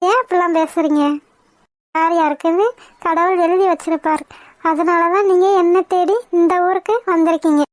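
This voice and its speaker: A woman doing a squeaky sweet young wife. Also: steady tone, moderate pace, dry recording. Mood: tender. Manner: affectionate, pleading, playfully scolding. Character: young devoted teasing wife. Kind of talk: cartoon voice acting.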